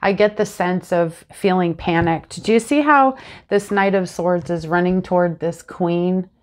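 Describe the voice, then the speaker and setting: Speaking to camera during a tarot reading, this woman in her thirties keeps things casual and animated, gesturing with her hands. A lapel mic picks up her lowish, somewhat congested and sniffly voice at a measured pace in a small home room.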